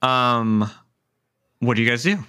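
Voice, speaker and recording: Chatty game master guy, bright voice, dry close sound. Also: mid-range voice, measured pace, clear, resonant tone, no room sound. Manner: upbeat, chatty, lightly joking. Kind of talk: hosting and narrating a tabletop game.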